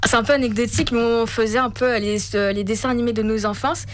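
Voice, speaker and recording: A woman's voice: a little high, steady tone, fast talker, no room sound. A young woman from Gabon answering radio interview questions, hesitant with many fillers. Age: young adult. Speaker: student interviewee.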